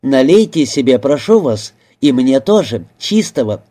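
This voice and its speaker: A male audiobook reader voicing a brisk, cheerful old lady who speaks loudly and firmly. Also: medium pitch, expressive, natural voice.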